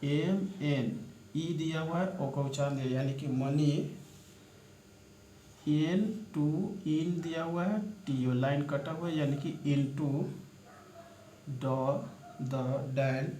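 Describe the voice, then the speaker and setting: In an echoey room with faint background noise, a man whose voice sits on the high side gives a step-by-step shorthand lesson. His tone is warm, he takes it slowly with long pauses, spelling out each letter one by one and calling his viewers friends.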